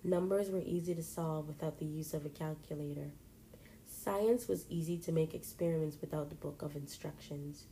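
Low, mellow-voiced woman reading a story. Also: fairly even intonation, normal speed, a little hiss or hum, poor audio. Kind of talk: reading a first-person story aloud.

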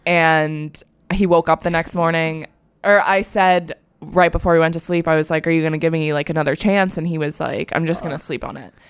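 A woman's voice: low-pitched, steady tone, fairly quick, clean tone. A woman in her twenties, a podcast co-host, telling a candid, rambling personal story in casual chat with lots of "like".

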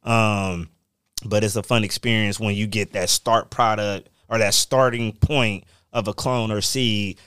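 A man's voice: lowish voice, fairly even intonation, measured pace, a bit bright, smooth, no room sound, studio quality. A middle-aged man with a Bay Area Californian accent, chatting casually in profane slang with frequent "you know" check-ins. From Northern California. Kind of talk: casual chat.

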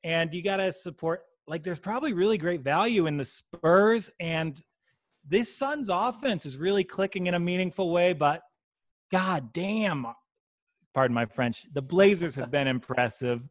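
Michigan-accented man, animated co-host with jokey asides, somewhat high voice. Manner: animated, quick asides and jokes. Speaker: sports betting podcast co-host. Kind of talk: casual sports chat.

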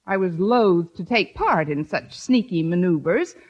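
An actress playing a wry, quick-witted schoolteacher who narrates and trades dry wisecracks in a 1950s radio comedy. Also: female voice, on the low side, animated, a little mellow. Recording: dull old radio recording.

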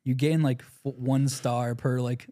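A man's voice: medium pitch, flat delivery, measured pace, dark tone. A young man in his twenties co-hosting a casual podcast, his voice sitting in an ordinary middle range. He rambles and jokes, often breaking into laughter. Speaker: podcast co-host. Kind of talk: casual chat.

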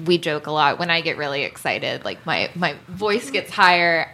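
A woman with a slightly low voice co-hosting a casual podcast. She speaks earnestly and softly, with lots of fillers as she thinks aloud. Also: sing-song, moderate pace, a little hiss or hum. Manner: earnest, soft, many "like" fillers. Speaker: podcast co-host.

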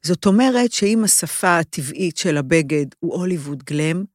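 A woman's voice: on the low side, expressive, no echo, studio quality. A woman with an Israeli accent chatting and commenting on fashion as a podcast host, emphatic and theatrical, repeating words and mixing in English. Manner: emphatic, theatrical, with repetitions and English phrases mixed in. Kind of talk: casual chat and fashion commentary.

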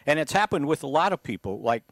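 A man's voice: fairly high pitch, very animated, quick pace, creaky, no room sound. A man co-hosting a casual sports podcast, telling anecdotes with lots of false starts and repeated words. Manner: storytelling, many false starts. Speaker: podcast co-host.

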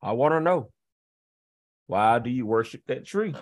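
A man delivering a confrontational rant, firing taunting rhetorical questions and scoffing laughs, swinging from loud jeers to low, slow muttering. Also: animated.

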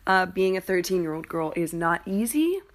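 On her confessional storytelling podcast, this host speaks in a lowish voice that is very animated, at a moderate pace. She shares her own stories openly and informally, with offhand swearing.

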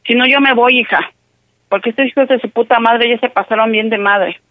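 A woman's voice: on the high side, brisk, no room sound. A woman on a phone call with her daughter, agitated, protective and swearing. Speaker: prank call target, caller's mother.

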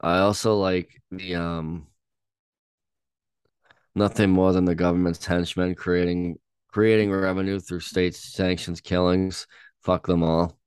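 A young man co-hosting a casual song-reaction chat, talking in a halting way with many ums and restarts. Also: low voice, flat delivery, darkish tone, smooth, no room sound. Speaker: podcast co-host.

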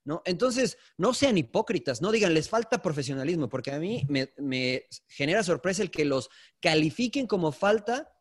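High-voiced Mexican man arguing emphatically. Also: big pitch swings, moderate pace. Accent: Mexican Spanish. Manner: argumentative, storytelling, emphatic. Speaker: podcast co-host, sports commentator. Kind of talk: heated casual debate.

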